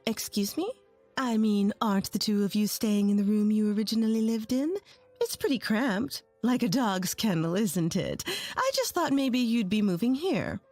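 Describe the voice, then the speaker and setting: A woman's voice: medium pitch, lively intonation, moderate pace, a little mellow, soft background music, lightly acted. A woman voicing a cruel, scornful mother-in-law in her late forties who sneers with cheerful spite. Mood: sweetly mocking.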